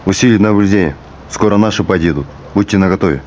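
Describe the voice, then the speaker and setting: A stern military commander snaps short orders through a walkie-talkie. His voice sits low and moves fast, and it comes through muffled and thin. Heavy static hisses under every word. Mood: curt. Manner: curt orders. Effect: heard over a walkie-talkie radio. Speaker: commanding officer.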